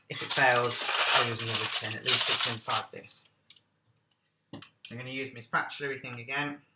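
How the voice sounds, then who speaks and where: A man's voice: medium pitch, echoey room, heavy background noise. A man hosting a casual cooking vlog, chatting along with jokey, self-deprecating asides.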